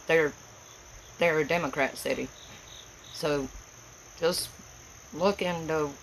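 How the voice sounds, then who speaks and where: Gravelly appalachian tennessee woman rambling on a livestream, folksy and plain spoken, bit of background noise. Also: sits low, low-quality recording. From Tennessee, United States. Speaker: livestream host. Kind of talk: casual rambling livestream chat.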